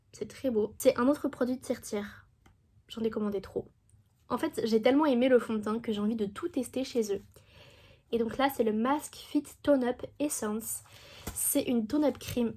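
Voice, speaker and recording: A woman's voice: a little high, warm tone, a little hiss or hum. A young woman from France, a beauty vlogger, chatting casually and enthusiastically as she unboxes products, with rambling asides.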